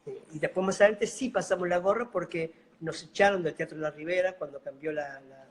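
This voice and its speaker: Over a video call, a middle-aged mime and clown actor from Buenos Aires tells stories calmly as an interview guest. His soft Argentine Spanish has a slight Bolivian lilt, and he is unhurried, gentle, and fond of diminutives. His voice is on the high side, with a little hiss or hum in the audio.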